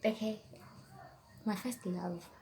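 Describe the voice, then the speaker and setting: Chatting casually through a tag video, a young Setswana-speaking woman from South Africa rambles and trails off into whispers while reading questions. Her mid-range voice is darkish and slow-paced, with a faint hiss in the background.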